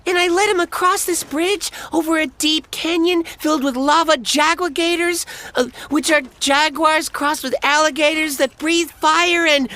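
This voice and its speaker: An audiobook narrator voicing an excitable young village boy who tells tall tales breathlessly. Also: high voice, normal speed, few pauses, pitched above the performer's own voice. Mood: boastful excited. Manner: breathless boastful storytelling. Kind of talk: audiobook character voice.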